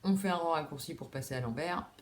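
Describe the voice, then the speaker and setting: A woman's voice: sits low, fast, slight background noise. A young woman hosting a knitting video podcast from home, chatting casually with lots of fillers, restarts and self-deprecating asides. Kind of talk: casual chat. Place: home room with window.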